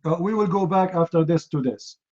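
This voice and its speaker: Speaking a little fast in a slightly high, somewhat mellow voice, this debate host, a native Arabic speaker, mocks and badgers his opponent, demanding answers over and over. It sounds like dull, low-fidelity stream audio.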